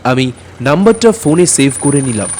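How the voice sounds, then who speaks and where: An actor voices the narrator and lead of an audio drama: an anxious, courteous maths tutor telling, hesitantly and politely, of an eerie night in first-person ghost-story style. His medium-pitched, slightly mellow voice is very animated and lightly acted at a moderate pace, with a little hiss or hum.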